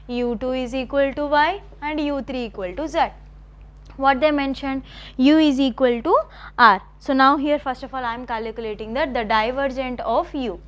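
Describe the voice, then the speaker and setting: A woman college math lecturer, dictating notes slowly and repeating phrases, often checking with the class. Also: sits high, a bit bright. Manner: repetitive, slow dictation with checking questions.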